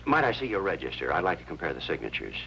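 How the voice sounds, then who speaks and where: A man's voice: deep voice, huge pitch swings, racing, gravelly, sharp tone, a little hiss or hum, heavily acted. An actor playing an earnest male hospital chaplain who asks polite, persistent questions in a 1950s TV drama. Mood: inquiring. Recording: dull lo-fi 1950s TV soundtrack with music.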